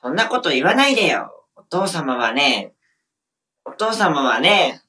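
A woman's voice: sits low, sing-song, a little slow, bright, forceful tone, distant mic, heavily acted. A woman voicing a bossy little mascot creature. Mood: scolding. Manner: ends lines with a cute "tan" tic. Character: small mascot sidekick creature, bossy and protective. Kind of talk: improvised radio comedy sketch.

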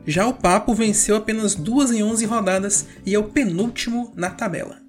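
A Brazilian woman presents a scripted sports round-up as the show's host. Her voice sits at a medium pitch, with a music bed playing softly underneath. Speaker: football round-up show host.

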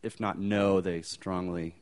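A man co-hosting a news podcast, talking in a measured way as he reasons aloud. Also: low voice, flat delivery, darkish tone. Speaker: podcast co-host. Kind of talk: casual news chat.

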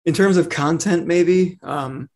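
A man's voice: on the high side, a little slow. A man co-hosting a podcast, chatting informally with dry humor. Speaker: podcast co-host, editor. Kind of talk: casual podcast chat.

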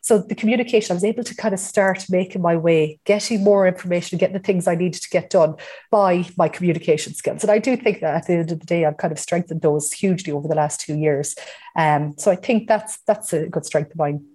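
A woman's voice: lowish voice, fast talker, warm tone, slightly rough. A middle-aged woman with a west of Ireland Mayo accent, chatting informally and reflectively as a podcast interview guest. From County Mayo, west of Ireland. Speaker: interview guest, hospital emergency consultant.

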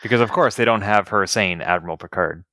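A man's voice: lowish voice, brisk, pushed and bright, dry recording, clean studio sound. A man co-hosting a podcast in casual chat, opinionated and analytical as he picks apart an episode. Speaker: podcast co-host.

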